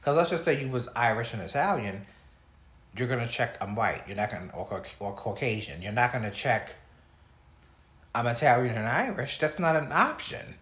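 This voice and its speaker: Animated man in echoey room. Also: mid-range voice, moderate pace. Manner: animated, laughing, talks to listeners. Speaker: podcast host. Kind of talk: casual monologue.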